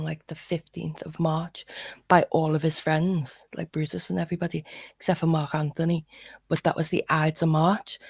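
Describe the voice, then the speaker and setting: A woman's voice: low voice, creaky, darkish tone, breathy edge, no echo. A woman guest in a casual livestream chat who jokes around, swears and giggles. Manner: joking, profane, giggly.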